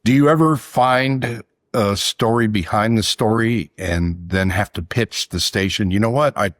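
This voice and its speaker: A man's voice: fairly low pitch, a little slow, no room sound, studio quality. A middle-aged man, a podcast co-host and former TV editor, chatting and asking probing questions. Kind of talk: casual chat.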